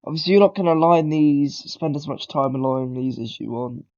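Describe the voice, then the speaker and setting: Brisk and on the high side, this man's darkish voice comes through dull audio. Fighting a cold, he gives an offhand beginner coding tutorial that meanders, with plenty of ums, throat clearing, and quick self-corrections.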